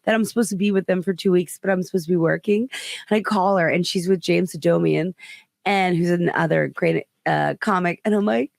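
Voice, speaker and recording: A woman's voice: on the low side, brisk, gravelly, no echo, studio quality. A woman comedian hosting a podcast, telling a rambling story in casual chat, full of fillers and acted-out quotes. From United States.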